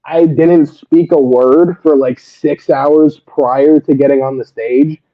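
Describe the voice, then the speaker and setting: A guest comedian talks loosely in a casual interview about how he got started in stand-up, rambling through stories and laughing often. His voice is a little high, steady and slow, and the audio sounds narrow and tinny.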